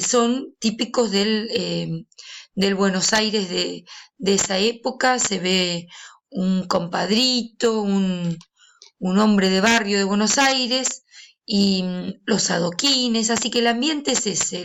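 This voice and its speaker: A woman teaches a literature lesson in a mid-range voice, explaining patiently and pausing often to find her words. A faint hiss sits under the recording. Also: mid-range voice, a bit bright. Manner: unhurried, explanatory, with hesitations. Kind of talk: recorded lesson reading and commenting a story.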